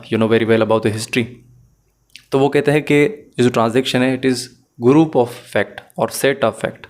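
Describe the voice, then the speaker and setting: A man teaching law in an online lecture uses a mid-range voice as he works methodically through the material. He keeps going back over points in new words and sprinkles in English phrases.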